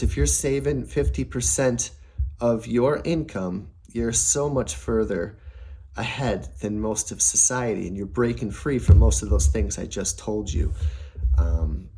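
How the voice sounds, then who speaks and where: A young man with a medium-pitched, dark, slightly rough voice that tends to crack chats casually to camera about family savings. He's a personal finance vlogger, upbeat and rambling, full of fillers and restarts.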